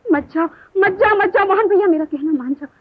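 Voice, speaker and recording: An actress playing a gentle but stubborn young sister-in-law, pleading and coaxing in theatrical 1950s film style, on a tinny old soundtrack. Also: female voice, high-pitched, very animated, normal speed. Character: gentle, stubborn young bhabhi who tames her drunk brother-in-law. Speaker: devoted sister-in-law in a family drama. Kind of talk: 1950s Hindi film acting.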